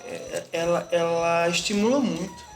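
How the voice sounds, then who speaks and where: A man from Bahia with a Bahian accent, answering interview questions in a reflective, pausing way with frequent restarts. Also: fairly high pitch, fairly even intonation. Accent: Bahian Portuguese. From Bahia, Brazil. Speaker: interviewed artist and musician. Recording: echoey room with music behind.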